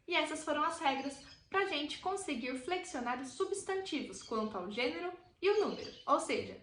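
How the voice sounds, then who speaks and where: A woman with a Brazilian Portuguese accent teaching a grammar lesson, clearly and deliberately, drawing out the example words. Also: high-pitched, animated, fairly bright tone. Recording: echoey room.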